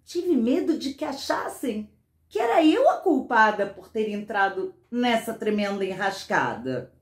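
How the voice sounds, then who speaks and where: Brief: woman storyteller for children, slow and unhurried, lively sing-song delivery, roomy echo. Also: on the high side. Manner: expressive, sing-song, with dramatic pauses.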